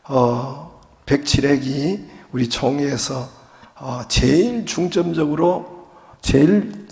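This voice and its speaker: A man's voice: on the high side, slow pace, creaky, darkish tone. A male pastor preaching a sermon in a chatty, joking way, full of small fillers. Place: church sanctuary. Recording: long reverb of a church hall.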